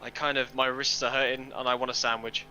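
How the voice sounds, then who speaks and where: Man, very bright voice, casual race chat, self-deprecating, swears, headset mic. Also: mid-range voice, little pitch movement, fairly quick, a little hiss or hum, poor audio. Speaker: streamer and sim racing driver. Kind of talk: casual chat while racing.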